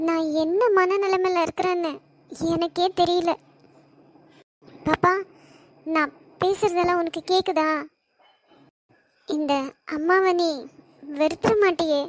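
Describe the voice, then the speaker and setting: A woman voicing a distressed young pregnant wife in an animated family drama, speaking through tears with a Kanyakumari Tamil accent. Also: very high-pitched, measured pace, long pauses. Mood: tearful. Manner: pleading, sorrowful. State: crying.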